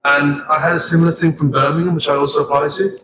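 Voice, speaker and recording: A man's voice: a little high, level tone, fast, noisy background. A young man from Sri Lanka, a chemistry student co-hosting a podcast, talking casually and rambling with frequent laughs. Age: young adult. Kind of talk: casual chat.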